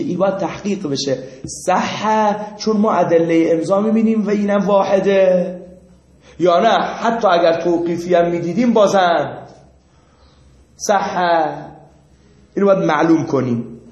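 Here a man with a high, slightly mellow voice lectures a class, explaining by example and posing questions to the students. The audio has a muffled, lo-fi quality and an echoey room sound.

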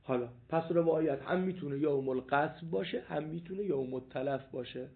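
Reading passages aloud and quizzing his students, an animated male seminary teacher gives a jurisprudence lecture, repeating his points as he goes. His voice is fairly high-pitched and gravelly, and the recording sounds lo-fi, like a phone.

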